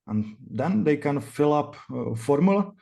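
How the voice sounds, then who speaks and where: A man's voice: a little high, animated, vocal fry, mellow. Hesitant young Czech-accented man. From Czech Republic. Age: 20s. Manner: hesitant, halting delivery full of pauses. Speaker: interview guest, virtual cam studio owner. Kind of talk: casual interview answers.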